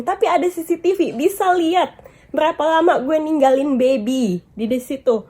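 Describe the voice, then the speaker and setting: A woman's voice: high-pitched, warm tone. A woman vlogger venting about being scolded, upset and tearful at times, mixing English and Japanese words into her talk. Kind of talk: emotional storytime vlog.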